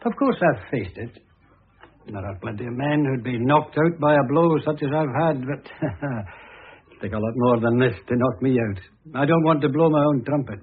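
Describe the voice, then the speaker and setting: In radio-drama style, an actor plays a pompous, long-suffering, middle-aged divorced husband who is self-important and self-pitying. The male voice is mid-range with a breathy edge. The recording sounds muffled and lo-fi, like an old radio broadcast.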